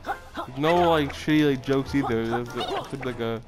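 A man's voice: mid-range voice, a little slow, rough recording. Slightly slurred man, numb from the dentist. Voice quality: slightly slurred speech from a numb mouth after dental shots. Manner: rambling, repetitive, profane. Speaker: video game player hosting an episode series. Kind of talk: casual gameplay commentary. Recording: game music behind the voice. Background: video game music.

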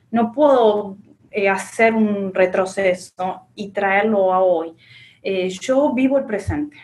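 An Argentine woman in her forties speaks earnestly and with self-assurance in an interview. Her Argentine Spanish accent is clear, and her answers are full of fillers and restarts. She is recorded on a webcam in a small office. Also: medium pitch, a little mellow. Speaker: interview guest, accountant and business owner. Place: small indoor office with a framed picture.

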